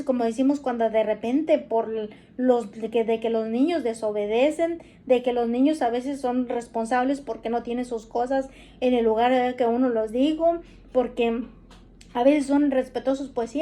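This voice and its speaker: A woman's voice: high-pitched, mellow. A woman giving a casual religious talk on parenting, often adding a questioning tag to her points. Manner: chatty, often adds "¿verdad?".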